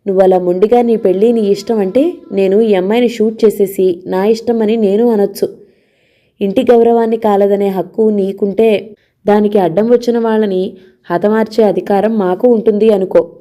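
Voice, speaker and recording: A woman's voice: medium pitch, fairly even intonation, normal speed, mellow, close to an everyday voice. A woman voicing a domineering middle-aged man who harshly scolds and threatens his younger brother in an audio novel. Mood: scolding.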